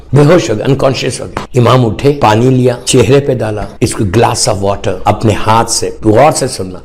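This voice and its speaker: A man's voice: medium pitch, gravelly, a little hiss or hum. A man with a Pakistani Urdu accent, preaching a sermon and telling a story dramatically, repeating lines and dropping in English phrases.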